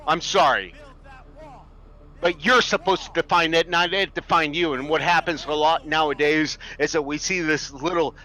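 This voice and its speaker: A man's voice: on the high side, bright, forceful tone, rough recording. A man in his thirties ranting to his stream viewers in a preachy, profane and emphatic way. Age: 30s. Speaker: livestreamer. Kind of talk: impassioned rant to stream viewers.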